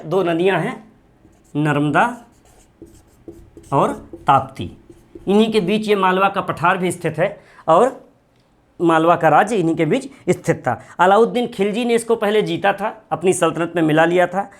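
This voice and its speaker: Male history teacher, high voice, lecture style, stresses names for note-taking. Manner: repeats key names slowly for students to note down. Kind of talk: classroom lecture.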